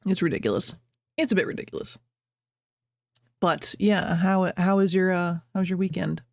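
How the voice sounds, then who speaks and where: A woman's voice: lowish voice, fairly even intonation, moderate pace, gravelly, no room sound, studio quality. A young adult woman streamer chatting casually at home, rambling, reading chat aloud and laughing often. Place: at home, birds outside.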